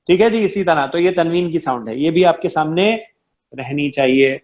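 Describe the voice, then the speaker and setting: A man teaching an online Arabic recitation class, patiently drilling letter sounds over and over and often checking that his students follow. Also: a little high. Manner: patient, drills sounds by repeating them, keeps checking understanding.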